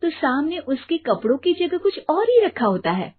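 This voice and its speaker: A woman narrating a family story in an expressive, measured way. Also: high-pitched, narrow, tinny audio.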